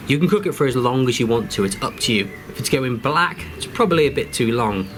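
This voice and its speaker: A man's voice: mid-range voice, lively intonation, fairly quick, fairly bright tone, a little hiss or hum. A British man giving a live outdoor cooking demonstration by a campfire, instructive and friendly, speaking to children watching. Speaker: forest school instructor.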